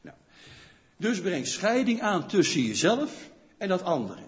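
A man preaching a sermon in a conversational way, often asking the congregation questions and checking in with a quick "yes?". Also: high voice, very animated. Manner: rhetorical questions to the listeners. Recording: long church reverb, dull lo-fi sound.

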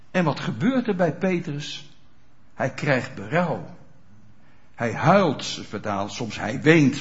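A male preacher gives a chatty sermon, often stopping to check that listeners follow. His voice is a bit high, with a lively, swinging pitch. The recording sounds muffled and lo-fi. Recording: dull lo-fi sound.

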